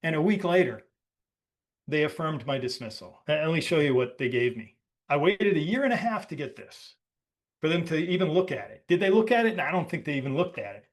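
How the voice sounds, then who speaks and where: A man's voice: on the high side, sing-song, fairly quick. A man from the United States hosting a podcast, explaining legal ideas in a loose, conversational way with wry asides. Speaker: podcast host. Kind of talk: casual explanatory talk.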